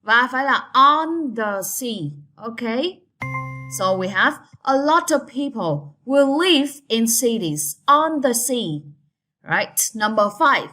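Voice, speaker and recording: A woman's voice: on the high side, bright, forceful tone. A woman teaching an English lesson, switching between languages and drawing out model words for students to repeat. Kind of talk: bilingual classroom lesson.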